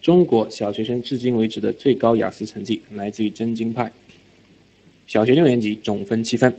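A man teaching IELTS reading in a recorded lecture, animated, often asking whether students follow and dropping English words into his talk. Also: fairly low pitch, brisk. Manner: mixes English words into speech. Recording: slightly dull lo-fi lecture audio.

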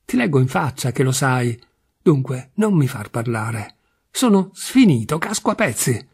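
Guy reading it, doing a sly tired husband, husky, kinda mocking everyone. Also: mid-range voice, very animated, a little slow, a little mellow, exaggerated voice. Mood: weary. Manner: sardonic, teasing, half-mocking. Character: sly, weary middle-aged husband, ironic. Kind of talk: literary audiobook reading.

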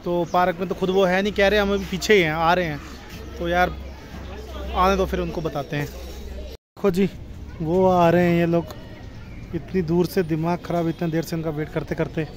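A travel vlogger in his twenties chats casually while walking through a busy outdoor town market and monastery grounds, filming himself on a phone at arm's length. His voice is high and level at a moderate pace, with long pauses. The phone audio picks up crowd chatter and street noise.

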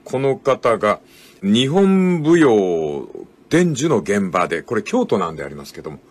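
An older man hosting a radio talk show, commenting on a book in a folksy storytelling way with drawn-out emphatic phrasing. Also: lowish voice, very animated, slightly rough. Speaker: radio host.

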